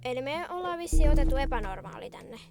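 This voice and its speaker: High-pitched young female gamer, hoarse voice, frequent throat-clearing, casual commentary, loud game music. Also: expressive. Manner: chatty, thinks aloud, clears throat often. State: voice going hoarse. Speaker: gaming video host.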